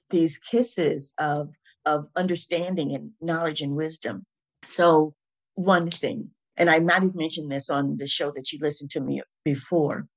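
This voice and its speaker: A woman guest in an interview gives a conversational spiritual and motivational talk, reflective and emphatic, leaning on repetition and rhetorical questions. Her voice sits low, with a darkish, slightly rough tone.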